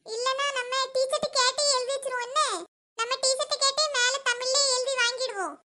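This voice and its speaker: A woman's voice: very high-pitched, steady tone, fairly quick, sharp tone, faint music behind. A woman voicing a cheeky, chatty village schoolchild in a comedy cartoon, informal and childlike, with a southern Tamil Nadu accent. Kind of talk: comedy skit voice acting.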